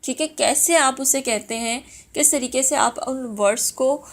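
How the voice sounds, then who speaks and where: Woman, somewhat high voice, sales trainer, code-switching, hesitant fillers. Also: unhurried. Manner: mixes English phrases into Urdu-Hindi, frequent fillers. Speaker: sales and customer service trainer. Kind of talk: instructional talk.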